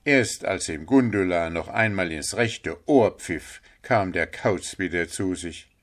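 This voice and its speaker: Male narrator, calm storybook reading, low and slow.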